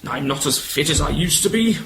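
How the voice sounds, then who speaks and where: For an amateur radio play, a man portrays an older retired colonel who is courtly, proud and old-fashionedly gallant, using a high, swooping, creaky voice. His delivery is brisk and expressive, and he sounds dismissive and indignant. The recording carries faint noise.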